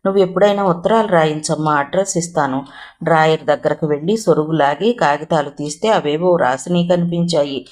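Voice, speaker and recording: A woman reading a novel aloud in steady, expressive storytelling narration. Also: low-pitched.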